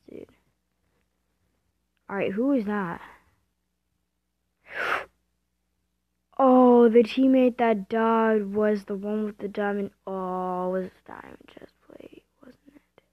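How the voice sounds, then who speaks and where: A woman giving casual gameplay commentary, excitable and self-mocking, thinking aloud as she plays. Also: mid-range voice, slow, pauses often, no room sound. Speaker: gamer. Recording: dull lo-fi dry home recording.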